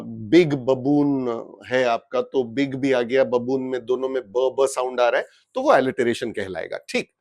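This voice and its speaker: A man with a high voice and an Indian accent gives a recorded class lecture for exam prep. He works through each point step by step and poses rhetorical questions. He mixes Hindi and English as he goes. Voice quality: switches between Hindi and English mid-sentence.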